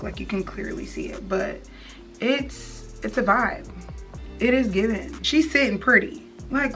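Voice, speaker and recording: Speaking from a small room with a plain wall, this young beauty vlogger has a medium pitch and a fairly bright tone. Her tutorial is informal, slangy, and chatty, aimed straight at viewers, with music underneath.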